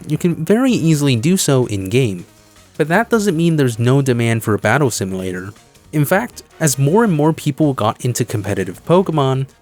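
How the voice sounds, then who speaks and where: Here the video creator, a man with a mellow edge to his medium-pitched voice, walks viewers through scripted commentary. He explains as he goes, emphasizing key phrases, and music sits behind him.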